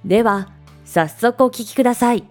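A woman's voice: on the high side, moderate pace, faint music behind. A woman reading a polished, scripted introduction to a podcast show. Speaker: show announcer.

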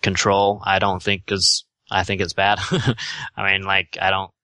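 A man with a Utah accent giving casual, halting, tentative answers as an interview guest. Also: deep voice, level tone, bright, forceful tone, dry recording.

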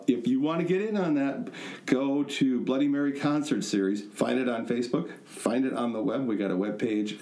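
A man hosts a podcast in a casual, chatty way, joking and poking fun at himself. His medium-pitched voice is mellow, and the indoor studio room gives the recording an echoey sound.

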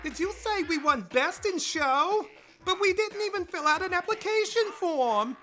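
A woman's voice: very high-pitched, animated, normal speed. A woman voicing a fussy, scheming old grandma spider in a cartoon, with a dramatic, scolding manner. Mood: surprised, relenting. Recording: loud music behind the voice.

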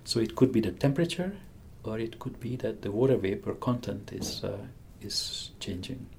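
Slight background noise accompanies a physicist in his sixties with a Hungarian accent, being interviewed conversationally. He speaks eagerly at normal speed in an expressive, slightly mellow voice on the low side, often chuckling and starting his sentences over.

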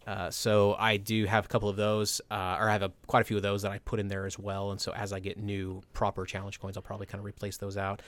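A man co-hosting a podcast in relaxed, chatty talk with many fillers. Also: on the low side, quick pace, few pauses, dry recording. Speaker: co-host. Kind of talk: casual podcast chat.

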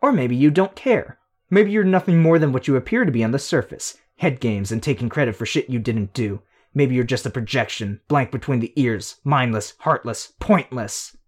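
A fierce, sharp-tongued young woman hurls taunts and pushes hard with rising heat, as a male narrator puts her on. The voice sits a little higher than his usual and swings up when she presses her point. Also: normal speed, close to an everyday voice. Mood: taunting. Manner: heated, needling, rising to near shouts.

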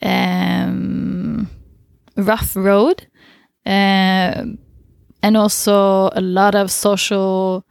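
A woman's voice: mid-range voice, level tone, drawn-out words, gravelly, clear, resonant tone, no echo, clean studio sound. A woman guest in a conversational interview, speaking thoughtfully and hesitantly with frequent fillers and laughs. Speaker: interview guest, long-distance cyclist.

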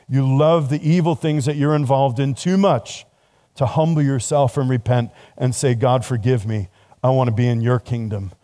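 A man's voice: mid-range voice, warm tone. A middle-aged man preaching a casual, conversational sermon to students, laughing at himself often.

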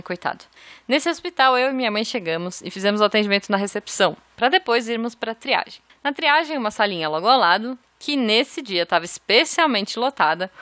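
Brief: young woman co-host, bright and fairly high, giggly chat, dry close sound. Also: no room sound. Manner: giggly, chatty, laughs often. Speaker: podcast co-host. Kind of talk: casual podcast chat reading listener comments.

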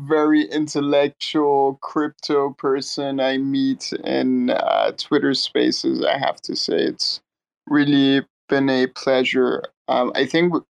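A man with a gravelly, creaky edge to his voice speaks in a mid pitch. He talks politely but haltingly in a casual online chat, stopping and restarting his sentences. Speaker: listener joining an audio chat.

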